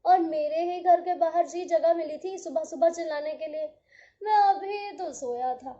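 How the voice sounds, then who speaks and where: Woman doing a kind sleepy sun, gentle and asking questions, warm high voice. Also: normal speed. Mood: questioning. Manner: gentle, mildly puzzled questioning. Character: kindly sleepy male sun, gentle peacemaker. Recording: dull lo-fi audio.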